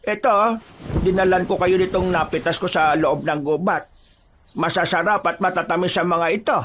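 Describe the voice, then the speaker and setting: A man's voice: high-pitched, normal speed, a bit bright, slight background noise, pitched above the performer's own voice. A man voicing an old male forest hermit who is friendly on the surface but sinister, talking in a folksy, hesitant way full of fillers. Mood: wheedling. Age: older.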